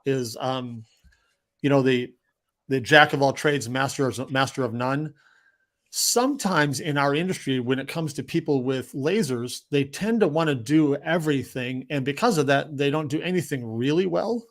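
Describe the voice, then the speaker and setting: A man hosting a live-streamed interview in a friendly, conversational way, inviting questions from viewers over a video call. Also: a little high. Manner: friendly, conversational, with short agreements. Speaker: host.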